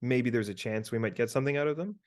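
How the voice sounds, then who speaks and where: A man co-hosting a podcast over a video call, telling a personal story in a relaxed way with plenty of ums and likes. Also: mid-range voice, quick pace. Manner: relaxed storytelling with many fillers, advising listeners. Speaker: podcast co-host.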